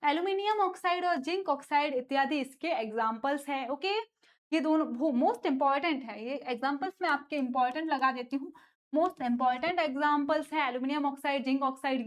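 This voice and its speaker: A woman teaching school science in a lively lecture, often asking a question and then answering it herself, with playful asides. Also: high-pitched. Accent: North Indian Hindi. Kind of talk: classroom lecture with call-and-response questions.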